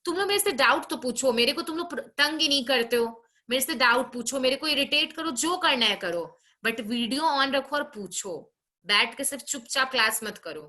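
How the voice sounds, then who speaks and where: Bright-voiced woman teacher scolding online class. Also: high voice, animated. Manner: scolding, brisk, frequent tag questions. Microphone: video call.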